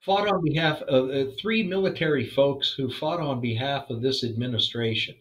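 A man's voice: medium pitch, moderate pace, rough recording. A man co-hosting a political podcast, firing off exasperated rhetorical questions and jokes. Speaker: podcast co-host. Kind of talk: casual political chat.

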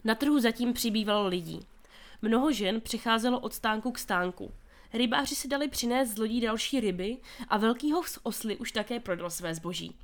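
Female narrator, slightly high voice, reads a children's story aloud and punches the characters' shouts hard. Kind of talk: audiobook reading of a children's novel.

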